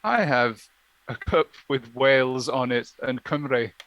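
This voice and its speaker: A man's voice: mid-range voice, unhurried, dry recording, dull audio. A man co-hosting a casual live stream, chatting while searching for things aloud. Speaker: streamer co-host.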